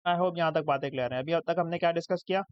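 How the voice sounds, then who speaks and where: A young male English tutor with a Pakistani Urdu accent records a lecture over slides, explaining step by step and asking "ठीक है?" after every point. His high voice races along, clear and resonant. The recording is dry with no room sound, and slightly muffled with a dull, lo-fi quality.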